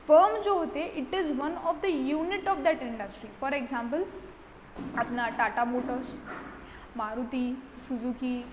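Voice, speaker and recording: High-voiced Indian woman dictating lecture notes. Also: in a large hall, a little hiss or hum. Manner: dictates notes slowly, repeats points, asks and answers her own questions. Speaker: exam-prep tutor. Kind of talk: online lecture mixing Hindi and English.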